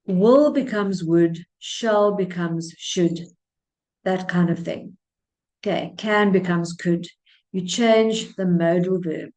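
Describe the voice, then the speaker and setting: Woman english teacher going thru grammar on a slide, slow and patient, soft mellow tone. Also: mid-range voice. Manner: patient, repeats points step by step.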